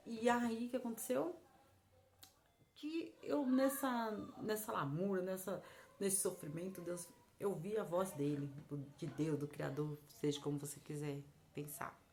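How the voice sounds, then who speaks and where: A woman tells her personal story in an earnest, repetitive way and keeps turning to her viewers directly. Her voice has a gravelly, creaky edge at a middle pitch. A faint hum of noise sits behind her at home. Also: fairly even intonation, a little slow, a little mellow. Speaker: vlogger sharing personal testimony. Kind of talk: emotional personal testimony.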